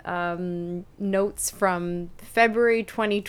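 Female dietitian co-hosting a podcast from a basement. Crisp mid-range voice, informal conversational delivery. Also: mid-range voice, steady tone, slow. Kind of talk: casual podcast chat. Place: indoors in a basement, not a studio.

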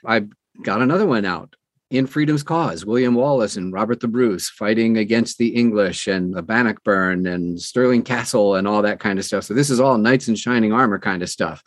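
With a lowish voice at normal speed, a middle-aged or older man, an interview guest and audiobook narrator, spins casual conversational stories and acts out lines of dialogue. The studio sound is clean, with no room sound.

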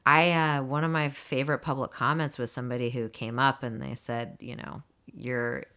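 A woman in her thirties talking casually as a guest, animated and frank, laughing often. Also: extremely low pitch, normal speed, smooth. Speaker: housing advocacy group leader, guest. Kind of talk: casual podcast conversation.

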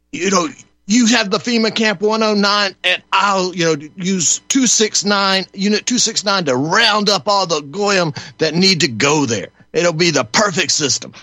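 A man's voice: high-pitched, pushed and bright, dry recording, exaggerated voice. A man voicing a rambling, scheming middle-aged male conspirator who fills his talk with "you know.". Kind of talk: comedic call-in role-play.

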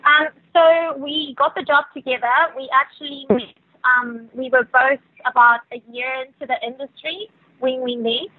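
Over a tinny, dry phone connection, a high-pitched woman speaks at a normal pace with fairly even intonation. She's a guest from Venezuela, a yacht crew member with Spanish as her first language and a South African accent in English, and she hesitates a great deal, restarting and using many fillers while answering questions.

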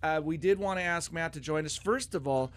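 A man's voice: a little high, fairly quick. A middle-aged man hosting a radio show from the studio, chatting casually and rambling with jokes and lots of fillers. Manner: rambling, joking, many fillers. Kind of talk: casual on-air chat.

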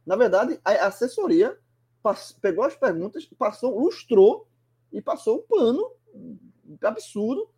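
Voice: mid-range voice, big pitch swings, measured pace, mellow, slightly rough. A sports commentator, talking animatedly and emphatically in a casual sports chat, often restarting words.

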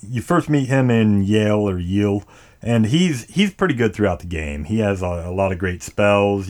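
A man's voice: lowish voice, a little mellow. A man hosting a casual video game chat, swearing freely, with slightly impeded speech after dental work. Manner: casual, profane. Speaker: podcast host.

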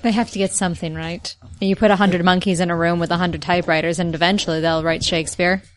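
Wry woman with a lowish voice. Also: steady tone, fast, slight background noise. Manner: wry, teasing, dry asides. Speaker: player. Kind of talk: casual tabletop game chat.

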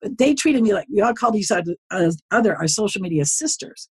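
The speaker is a woman in her seventies and a social media consultant, guesting on a podcast for a relaxed storytelling interview. She talks fast and expressively in a mid-range, husky, darkish voice, wandering in a folksy manner and repeatedly doubling back with side remarks, captured in a dry recording.

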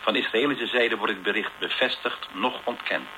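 An actor playing a radio newsreader who reads the bulletin in a measured, formal way. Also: male voice, on the low side, pushed and bright, slight background noise, rough recording. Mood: neutral. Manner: measured formal news delivery.

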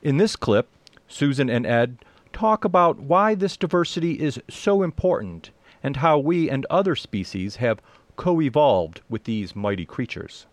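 A man's voice: medium pitch, big pitch swings, a little slow, dry recording. A man co-hosting a science radio show, reading scripted introductions. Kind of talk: scripted narration introducing a feature.

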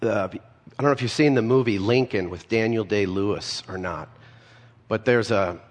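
A man's voice: fairly low pitch, moderate pace. A man preaching a conversational sermon, telling stories with casual asides. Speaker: pastor. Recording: long hall reverb.

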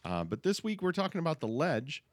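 Animated male podcast host, swooping pitch. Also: fairly quick, dry recording, clean studio sound. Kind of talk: casual comedic chat.

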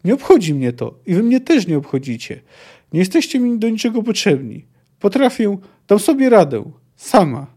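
A proud, defiant teenage girl, voiced by a man reading aloud. Her lines come short and clipped, pitched high with a dark, mellow tone. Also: big pitch swings, moderate pace, slightly rough, exaggerated voice.

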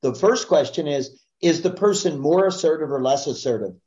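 A man's voice: on the high side, expressive, normal speed, mellow, muffled recording. A man speaking as a guest in a podcast interview, explaining sales ideas in an assertive, emphatic teaching manner.

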